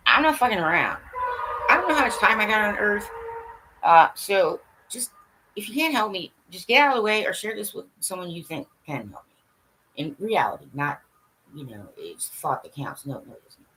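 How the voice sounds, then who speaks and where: A livestream host speaks directly to her viewers in a scattered, blunt monologue, swearing, laughing, and asking them to agree with her. Her voice is medium-pitched, animated, and sharp at a normal speed, in a low-quality recording with slight background noise.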